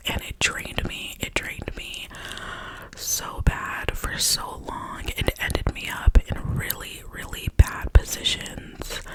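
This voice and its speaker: A young adult gives a gentle, confiding pep talk of positive affirmations in a clicky ASMR whisper. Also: low-quality recording. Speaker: ASMR creator.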